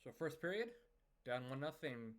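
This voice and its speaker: A young man narrates a hockey management video game play-by-play, summarizing scores and lineup moves in an even, conversational tone. His voice is mid-range, his pace moderate.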